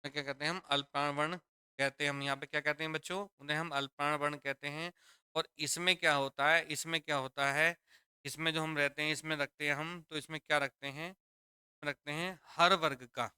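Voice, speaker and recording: A man with a bright, crisp and smooth voice gives a classroom grammar lesson. He repeats each point and keeps asking his students questions. The sound is dry and close. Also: a little high, steady tone, brisk, no echo. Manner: repetitive, quizzing students with questions; addresses students as children. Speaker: Hindi teacher.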